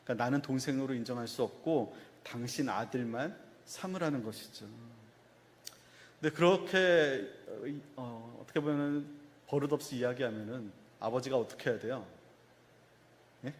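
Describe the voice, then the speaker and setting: A man, a pastor, preaching a sermon. He asks the congregation questions and answers them himself, and gently acts out a father's words to his son. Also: mid-range voice, normal speed, long reverb tail. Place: church sanctuary.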